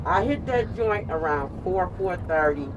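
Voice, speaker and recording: A woman's voice: on the low side, highs cut off. Older woman telling stories over vehicle noise. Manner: animated, emphatic comic storyteller who repeats phrases for effect. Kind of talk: casual storytelling chat. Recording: noisy with clear vehicle and street sound.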